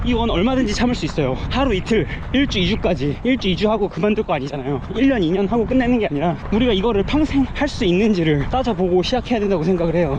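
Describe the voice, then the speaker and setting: A man's voice: high voice, lo-fi sound, background noise. A man in his thirties from South Korea talking in an earnest, explanatory vlog style while out running. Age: 30s. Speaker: running vlogger. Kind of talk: casual explanatory vlog monologue. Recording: background music under the voice.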